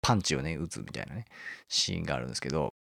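A man's voice: very deep voice, lively intonation, racing, gravelly, fairly bright tone, no room sound, studio quality. A man hosting a casual talk, explaining a favourite manga and often chuckling as he goes. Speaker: host.

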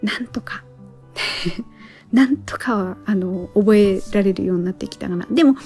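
A woman hosting a solo podcast, talking casually and thinking aloud with frequent pauses. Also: mid-range voice, soft background music. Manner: relaxed and chatty, thinks aloud with many pauses. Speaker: podcast host.

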